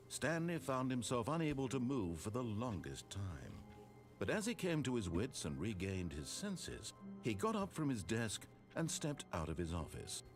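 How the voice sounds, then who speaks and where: A man voicing a wry, omniscient storybook narrator, measured and dry, over game music. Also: lowish voice. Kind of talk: scripted narration.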